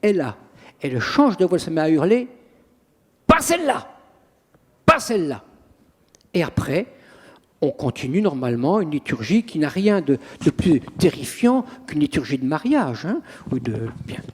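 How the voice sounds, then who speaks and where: A priest and exorcist in an interview, telling stories in an animated, dramatic way with acted quotes. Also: male voice, on the high side, normal speed, breathy edge. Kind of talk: interview storytelling. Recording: long reverb, echoey room.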